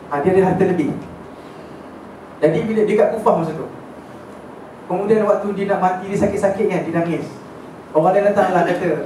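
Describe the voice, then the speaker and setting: A man's voice: high-pitched, darkish tone. A man teaching a religious class as casual storytelling, chatty and often checking in with his listeners. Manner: chatty, checks in with listeners, mixes in English words. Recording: echoey hall, distant mic, faint noise.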